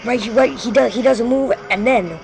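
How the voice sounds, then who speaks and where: A host spins a creepy tale live in a loose, unscripted way. The voice sits at a middle pitch, and the telling keeps stalling and restarting as the speaker corrects themselves mid-sentence. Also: a little fast, vocal fry, faint music behind. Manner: rambling, frequently corrects itself. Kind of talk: casual live storytelling.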